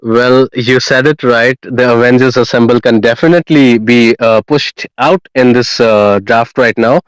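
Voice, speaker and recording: A man casting an esports match, opening with energetic, hype-building introductions and then talking through the draft. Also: mid-range voice, moderate pace, clear, resonant tone, dry recording, low-quality recording. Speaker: esports caster. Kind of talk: play-by-play esports commentary.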